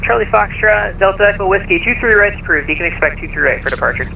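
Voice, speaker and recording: A man's voice: sits high, expressive, quick pace, gravelly, bright, forceful tone, low-quality recording. A man working as an air traffic controller, giving procedural, helpful instructions as heard over a pilot headset radio. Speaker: air traffic controller in an online flight simulation. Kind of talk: radio ground control phraseology.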